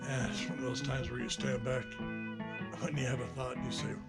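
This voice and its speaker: Loud music sits behind this brisk, creaky, medium-pitched voice, which holds a level tone. The speaker, a sixty-nine-year-old hobbyist maker on his own video channel, thinks aloud in a hesitant, rambling, unscripted reflection.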